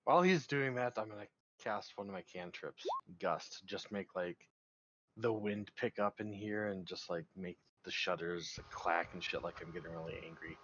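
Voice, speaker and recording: A man's voice: sits low, moderate pace. A man playing a tabletop role-playing game, swearing freely and saying "like" a lot as he describes his character. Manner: lively, swearing, lots of "like". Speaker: player. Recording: lo-fi online call audio with faint noise.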